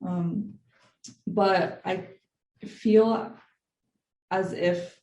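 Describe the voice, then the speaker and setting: A woman's voice: on the low side, fairly even intonation, drawn-out words, warm tone. A young woman from Thailand answering podcast interview questions thoughtfully, with many fillers and hedges. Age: young adult. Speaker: guest. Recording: echoey room with faint noise.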